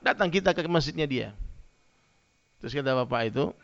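Gravelly man preaching with humor. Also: mid-range voice, brisk. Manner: lively storytelling, addresses listeners directly. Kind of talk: humorous sermon with anecdotes. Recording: dull lo-fi sound.

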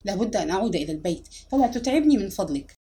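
A woman's voice: medium pitch, animated, very fast, dark tone, close to an everyday voice. A woman reading the lines of a curt, impatient young woman who answers a suitor with annoyance in an audiobook story.

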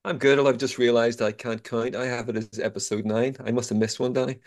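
Mid-pitched man co-hosting. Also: flat delivery, a little fast. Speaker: podcast co-host. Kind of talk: casual presenting of a running agenda.

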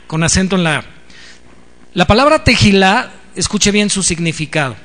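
A man's voice: high-pitched, a bit bright, big-room sound. A man preaching a teaching sermon, who repeats key words for emphasis and keeps calling out amen to the congregation.

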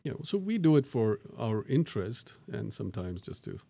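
Very animated and fairly quick, a middle-aged professor's fairly low voice sounds gravelly and dark as he talks in a conversational interview. He is thoughtful and self-deprecating, peppering his speech with fillers and restarts, and was born in Tanzania to Indian parents.

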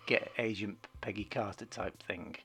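Man, husky, low-pitched, bantering co-host, casual radio chat. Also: fairly even intonation, moderate pace, pushed and bright. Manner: bantering, quizzical.

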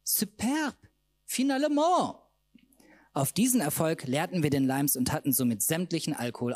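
Mann, Autorenlesung, theatralisch, hauchig-rauer Klang, trockener Raum. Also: male voice, mid-range voice, darkish tone, husky, dry recording. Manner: camp, mocking, theatrical. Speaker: author reading own novel. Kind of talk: live reading of a comic novel. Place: literature festival reading.

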